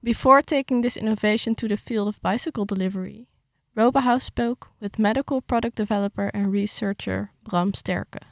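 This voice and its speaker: A young woman, a writer, chats casually about her article, hesitating and using fillers, before reading it aloud in a steady way. Her mid-range voice is gravelly and a little fast, with hardly any pauses, and the recording is dry.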